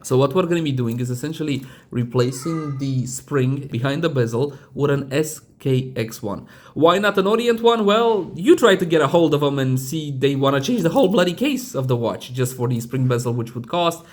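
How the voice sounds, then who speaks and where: A man's voice: medium pitch, lively intonation, moderate pace. A man talking through a hands-on watch repair tutorial in a chatty, digressive way with casual asides. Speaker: watch reviewer.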